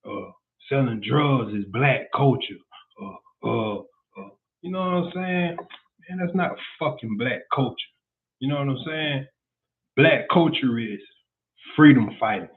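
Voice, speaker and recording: A blunt man from Central Florida with a Southern accent, hosting a casual podcast monologue and often saying "you know what I'm saying". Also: mid-range voice. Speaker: podcast host. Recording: tinny phone-like sound.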